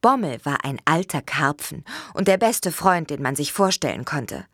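A woman reading a children's storybook aloud in a gentle, expressive way. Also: sits low, moderate pace, no echo, studio quality. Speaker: narrator.

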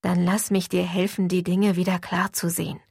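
A woman reading an audiobook voices a caring teenage vampire boy, speaking softly and low in a reassuring way. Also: level tone, normal speed, husky, dry recording, studio quality. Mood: tender.

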